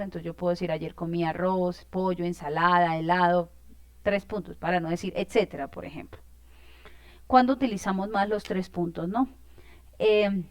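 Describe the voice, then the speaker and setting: A woman's voice: mid-range voice, no echo. A woman teacher, explaining a lesson in an informal way, with many fillers and check-in questions.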